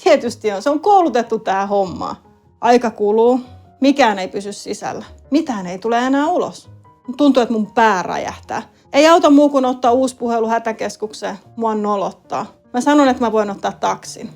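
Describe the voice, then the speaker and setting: A woman with a Finnish accent, a lead wilderness guide telling a first-person story in a calm, matter-of-fact way. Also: on the high side. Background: soft background music.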